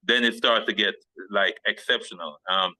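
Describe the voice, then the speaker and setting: A man's voice: lowish voice, moderate pace, sharp tone, no room sound, low-quality recording. A man who is a former football player, telling a rambling story as a guest on a video call, with many restarts and small laughs.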